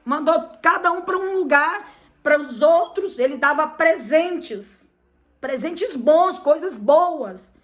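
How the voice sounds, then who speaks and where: A Brazilian woman preacher gives a sermon in a high, bright, expressive voice, speaking slowly with a clear Brazilian Portuguese accent. Her emphatic delivery relies on rhetorical questions she immediately answers.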